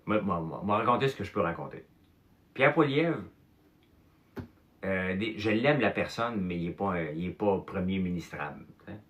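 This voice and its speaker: Animated Québécois man, bright voice. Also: low-pitched, normal speed. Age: 50s or older. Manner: animated storyteller, mild swearing, fillers like "là" and "ok". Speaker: host. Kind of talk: casual chat telling childhood stories.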